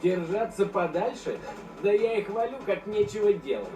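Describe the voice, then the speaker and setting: A man's voice: high voice, expressive, normal speed. A man acting in a video game as a cocky, mocking young rebel with a teasing, sardonic delivery. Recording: echoey, distant sound with game music behind.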